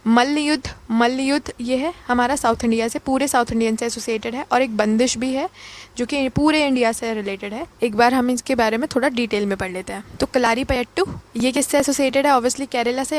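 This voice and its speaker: A woman from Uttar Pradesh teaching an exam-prep lecture, playfully repeating key words and asking and answering her own questions. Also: fairly high pitch.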